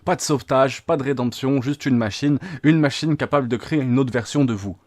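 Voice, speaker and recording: A man reads a game review script with a dramatic flair. He breaks his lines into short, hard-hitting phrases and leans on rhetorical questions. His voice sits at a middle pitch. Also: fairly quick, a little mellow. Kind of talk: scripted video narration.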